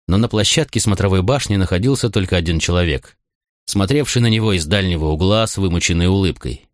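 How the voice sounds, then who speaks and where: A man narrating an audiobook in a dramatic, expressive reading. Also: sits low, fast talker, dry recording, studio quality.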